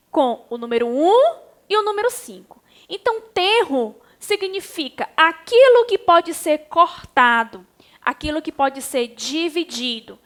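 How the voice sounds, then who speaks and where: A Brazilian woman with a high voice teaches young children in a recorded class. She speaks slowly and patiently, calling them affectionately and guiding each step of the exercise. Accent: Brazilian Portuguese. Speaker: primary school teacher.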